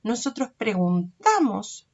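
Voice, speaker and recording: A woman teaching a recorded lesson for young children, slow and patient. She stretches out words and keeps checking that her listeners follow along. The sound is dull and lo-fi. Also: medium pitch, very animated, darkish tone, slightly rough.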